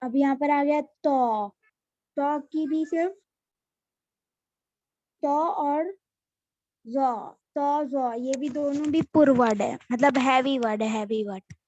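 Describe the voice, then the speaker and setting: A woman's voice: high-pitched, fairly even intonation, slow, long pauses, mellow, dull audio. A woman teaching a children's alphabet lesson, patiently repeating each letter name as she explains.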